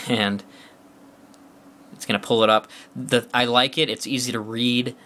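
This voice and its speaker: A man with a bright, forward voice walks through a phone's features in a casual demo. He talks along as he taps, loose and chatty, full of uh's and restarted sentences. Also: medium pitch, level tone, measured pace. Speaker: phone reviewer.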